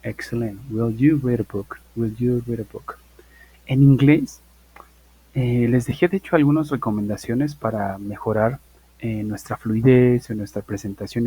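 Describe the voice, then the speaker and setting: A male English teacher, giving an online university class and slowly repeating example phrases for his students. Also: mid-range voice, mellow, husky, rough recording.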